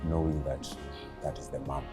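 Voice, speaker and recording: A man in his fifties with a very deep, low voice answers interview questions, pausing often and filling gaps. A clear music bed runs beneath his words. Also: level tone. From Kenya. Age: 50s. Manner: halting, many pauses and fillers. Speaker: interviewee, father of the late comedian.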